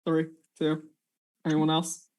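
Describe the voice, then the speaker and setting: A woman's voice: low-pitched, monotone, slow, darkish tone. A woman narrating a tabletop game as game master.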